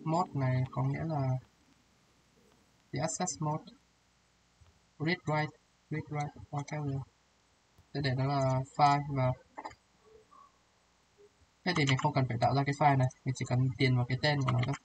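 A man with a medium-pitched, level voice tutors a student one-on-one through programming exercises, speaking at normal speed with long pauses. He thinks aloud as he types and often checks the student is following. The audio is poor, with slight background noise and music playing behind.

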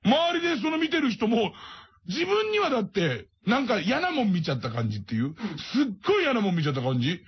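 A fast-talking man rambles through a comic story on late-night radio, his gravelly voice swinging wildly up and down. He keeps breaking into shouted put-on voices for the people and animals he describes. The sound is a dull, muffled mono radio broadcast. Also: very high-pitched, wildly swooping pitch.

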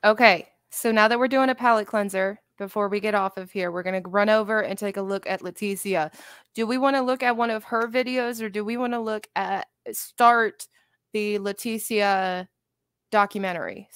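Smooth-voiced woman hosting a livestream. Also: medium pitch, fairly even intonation, moderate pace, fairly bright tone, no room sound, clean studio sound. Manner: chatty, laid-back, talks to her chat. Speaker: commentary channel host. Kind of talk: casual live-stream commentary.

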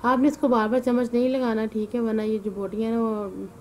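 A woman, the host of a home cooking channel, giving a chatty, homely voice-over while tired and weary from fasting. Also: on the high side, little pitch movement, darkish tone, slight background noise, low-quality recording. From Punjab, Pakistan. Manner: chatty and homely, sprinkles devotional exclamations. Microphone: voice-over mic, not in the pictured kitchen.

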